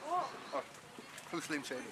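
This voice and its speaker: A man's voice: on the high side, wildly swooping pitch, normal speed, crowd noise. A young man joking and swearing while laughing with friends. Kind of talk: casual chat. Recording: loud background noise.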